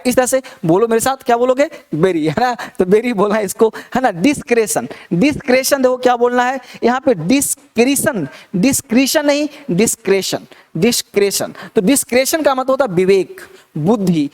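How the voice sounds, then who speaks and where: A man's voice: high voice, darkish tone. An Indian man teaching pronunciation in Hindi, repeating each word and asking the class questions that he answers himself. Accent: Indian English. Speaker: spoken English teacher.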